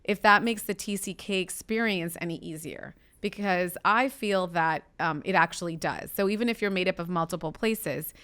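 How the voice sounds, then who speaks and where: A woman's voice: lowish voice, normal speed, few pauses, a bit bright, clean tone. A woman hosting a podcast interview, telling personal stories in a thoughtful, conversational way with frequent fillers. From United States. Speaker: podcast host.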